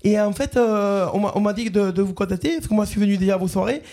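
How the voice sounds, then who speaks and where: A man putting on a stammering high-voiced office manager. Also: fast talker, warm tone. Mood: bumbling. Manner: stammering, hesitant, repeats words. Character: bumbling male corporate communications manager. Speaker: prank caller, radio host. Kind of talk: prank phone call.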